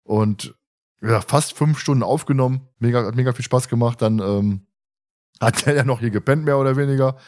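A podcast host with a medium-pitched, slightly mellow voice talks a little fast. Chatty and casual, he often chuckles while telling anecdotes.

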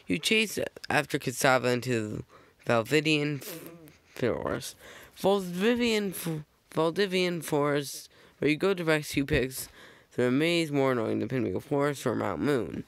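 Guy rambling through his slides, trips over words and corrects himself, raspy voice, super dry recording. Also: medium pitch, expressive, moderate pace, no echo. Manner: rambling, jokey asides, frequent self-corrections. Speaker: fan video narrator. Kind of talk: casual narrated slideshow.

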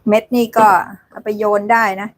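A woman's voice: normal speed, no room sound. A woman hosting a casual live cooking stream from a home kitchen, chatting, laughing and thanking viewers as she cooks. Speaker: cooking livestream host.

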